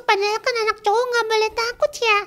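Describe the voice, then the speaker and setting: A man's voice: extremely high pitch, little pitch movement, fairly quick, bright, forceful tone, voice pushed up. A man voicing a timid, childlike little turtle that cries in an exaggerated, sing-song way for a children's story. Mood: whiny. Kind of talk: storytelling with puppet voices.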